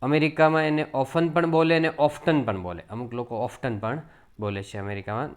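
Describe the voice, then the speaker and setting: A man with a Gujarati accent giving a spoken English pronunciation lesson. He explains in plain teaching talk and says each English word slowly, again and again. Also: mid-range voice.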